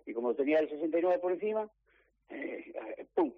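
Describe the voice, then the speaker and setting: A man, a lottery ticket seller, telling his story in lively detail and acting out the dialogue. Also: on the high side, brisk, no room sound. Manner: animated storytelling, acts out quoted dialogue. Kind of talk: interview on the phone. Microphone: phone. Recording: dry phone line.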